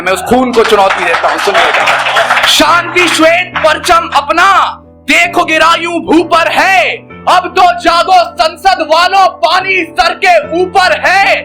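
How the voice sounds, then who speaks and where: A male poet declaiming patriotic verse live on stage before an audience, impassioned and shouting his lines. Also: very high-pitched. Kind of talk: live stage poetry recital.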